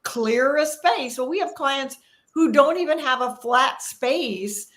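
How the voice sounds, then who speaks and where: A woman's voice: high-pitched, slow pace, fairly bright tone. Older woman organizer, earnest and emphatic, casual co-host talk. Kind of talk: casual conversation.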